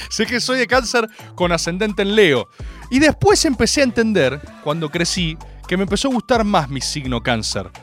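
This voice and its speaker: A young adult man with a Rioplatense Spanish accent, hosting a comedic radio show in a joking, ranting monologue full of swearing. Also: high voice. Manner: animated, joking, rants with swearing. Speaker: radio host.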